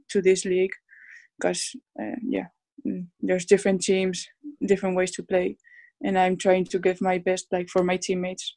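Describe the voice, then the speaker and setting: A professional footballer from the Basque Country in Spain answers interview questions casually in English with a Basque Spanish accent. Her voice is mid-range with a darkish tone.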